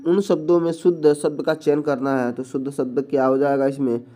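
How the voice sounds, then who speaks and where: A man with a mellow, warm voice leads an exam-prep spelling lesson. He works through each answer plainly, repeating key words as he goes. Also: mid-range voice, flat delivery, a little fast. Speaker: teacher.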